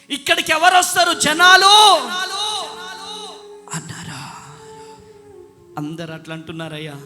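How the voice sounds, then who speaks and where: A man preaching a sermon as pastor. He shifts from hushed, tearful tones to loud shouts. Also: high voice. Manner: impassioned, swings from hushed to shouting. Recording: long echoey hall with music behind.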